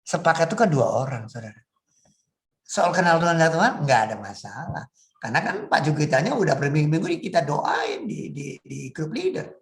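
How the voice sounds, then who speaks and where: Middle-aged male preacher, gravelly timbre, earnest sermon delivery with halting pauses. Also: very animated. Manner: earnest, rises to emphatic high bursts; halting, many filler pauses.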